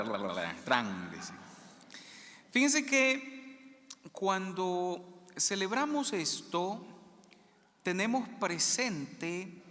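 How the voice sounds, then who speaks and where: Male priest, slow animated delivery, higher voice, quizzing the pews, recorded with long church reverb. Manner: questions the congregation and repeats their answers. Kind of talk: interactive homily.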